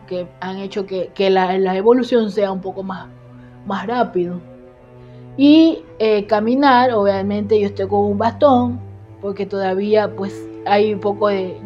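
A woman's voice: medium pitch, muffled recording. A woman with an Ecuadorian accent in a TV interview, telling a personal account and acting out what each person said. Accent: Ecuadorian Spanish. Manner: animated storytelling, acts out quoted dialogue. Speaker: interviewee recounting illness.

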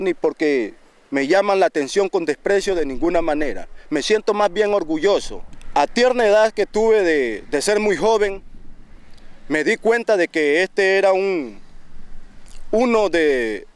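His voice is high-pitched and the recording sounds dry. He's a young waste picker from Ecuador interviewed for a documentary outdoors at a landfill on a handheld mic, speaking earnestly and proudly and often repeating himself and restarting.

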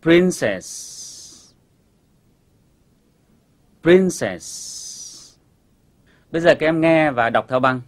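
A man teaching a children's English lesson on television, explaining pronunciation patiently and clearly. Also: fairly high pitch, fast talker, hardly any pauses, a bit bright.

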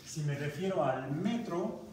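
Mexican teacher in an echoey classroom. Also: male voice, on the high side, expressive, a little slow, darkish tone. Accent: Mexican Spanish. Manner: asks the class questions, restarts words. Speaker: university math teacher. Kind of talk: classroom lecture. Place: university classroom. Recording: very echoey classroom recorded from far off, noisy.

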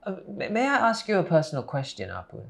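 A man's voice: high-pitched, wildly swooping pitch, fast talker, creaky, exaggerated voice. A man playing a polite, hesitant tutor from England in a comedy series, with formal, careful phrasing. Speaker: English tutor. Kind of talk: scripted comedy series dialogue.

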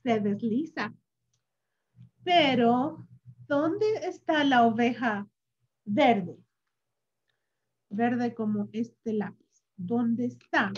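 Woman, high voice, slow and sing-song, children's story time, dull lo-fi home recording. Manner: slow, sing-song and animated, with sound effects and questions to the child. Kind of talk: reading a picture book to young children.

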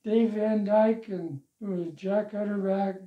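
A high, steady-toned older man, long a member of his church, tells stories in an unhurried way and chuckles as he reminisces in an interview. He's in an armchair at home in the living room, wearing a lavalier mic, and the recording sounds roomy and somewhat dull.

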